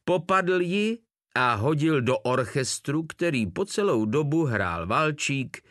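A male narrator reads an audiobook with vivid, lively storytelling and a voice that moves up and down freely. The sound is dry and close. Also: on the high side, no echo.

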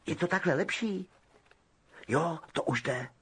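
A man's voice: fairly high pitch, breathy edge, voice pushed up. A male audiobook reader voicing an eager, flustered teenage boy.

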